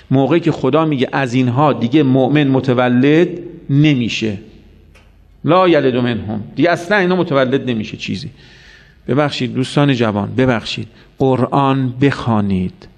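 A man's voice: mid-range voice, vocal fry. Man preaching a storytelling sermon. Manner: storytelling with acted quotes and rhetorical questions. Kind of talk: religious sermon.

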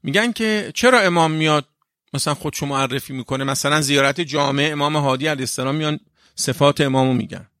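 A man's voice: a little high, a bit bright, no echo, clean studio sound. A man preaching a religious sermon in an emphatic, repetitive way, often checking with listeners. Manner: emphatic, repetitive, asks the audience "right?". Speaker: cleric.

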